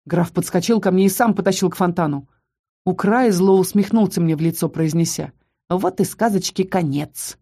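A woman's voice: lowish voice, a little fast, warm tone. A woman reading a first-person fantasy novel aloud with dramatic storytelling. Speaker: audiobook narrator. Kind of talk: first-person audiobook narration.

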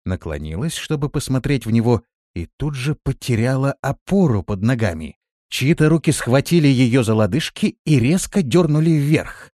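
A man reading an audiobook as narrator, with expressive delivery. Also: mid-range voice, normal speed, dry recording, clean studio sound. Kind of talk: scripted narration.

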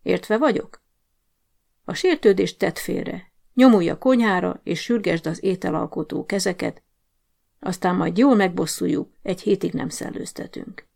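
A woman's voice: lowish voice, gravelly, a little mellow. A woman voicing a bossy, scheming male prison sergeant-major who barks orders at a guard in an audiobook story. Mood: commanding. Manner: commanding, barking orders.

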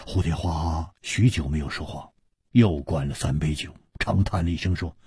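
A male storyteller reading a martial arts novel aloud in an animated, expressive broadcast style. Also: very deep voice, normal speed, husky, dry recording, clean studio sound.

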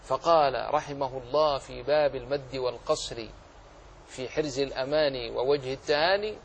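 In a religious lesson, a man explains the rules of Quran recitation, speaking haltingly with long pauses, repeating words and spelling out individual letters. His mid-range voice is gravelly, and there's a slight hiss or hum.

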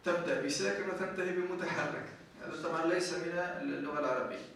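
A man's voice: a little high, fairly even intonation, quick pace, a bit bright, a little hiss or hum. A man teaching a jurisprudence lesson, explaining step by step and often asking his students whether they follow. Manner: explains step by step, checks understanding with "clear?". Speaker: sheikh teaching Maliki jurisprudence. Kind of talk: classroom lesson with questions. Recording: echoey room, mic at a distance.

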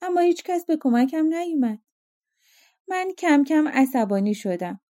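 A woman's voice: sits high, expressive, mellow, voice pushed up. A woman voicing a vengeful, ancient male genie in a storybook reading, speaking in a bitter, menacing way.

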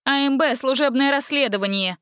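A woman voicing a stern young female investigator who barks sharp orders in a storybook reading. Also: high-pitched, fairly quick, smooth, dry recording, clean studio sound, pitched above the performer's own voice. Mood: commanding. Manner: sharp, commanding.

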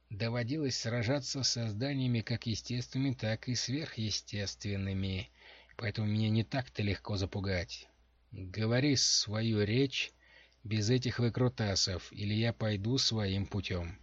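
A man's voice: lowish voice, a little slow, slightly rough, no echo. A man as a blunt woman general. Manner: blunt, curt. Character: blunt female soldier general, stubborn. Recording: dull lo-fi recording.

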